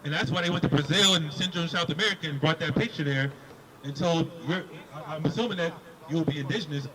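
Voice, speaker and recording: Male street preacher, forceful debater, slightly raised pitch, recorded outdoors over a busy crowd. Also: fast, poor audio. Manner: emphatic, repeats words while pushing his point. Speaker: street preacher questioning a passerby.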